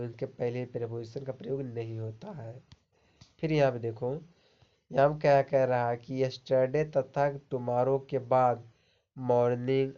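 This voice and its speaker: Male grammar teacher, slow and mellow, dull lo-fi sound. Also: medium pitch. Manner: explains slowly, reads example sentences aloud, keeps asking "ठीक है?". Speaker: English teacher. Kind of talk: Hindi English grammar lesson.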